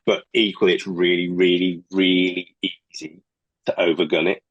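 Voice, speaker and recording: A man, a triathlon coach, giving relaxed conversational advice and telling stories. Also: low voice, moderate pace, no echo, highs cut off. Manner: relaxed, storytelling.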